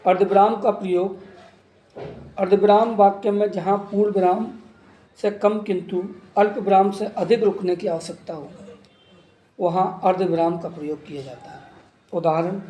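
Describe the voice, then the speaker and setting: A man's voice: high-pitched, fairly even intonation, moderate pace, dark tone, highs cut off, slight background noise. A man teaching an exam-prep grammar lesson, listing terms and examples one by one. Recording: echoey room with faint ambience.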